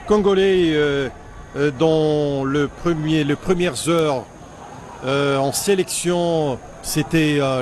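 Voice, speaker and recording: A man's voice: a little high, slight background noise. A man giving live football commentary in broken phrases, often hesitating as he searches for words.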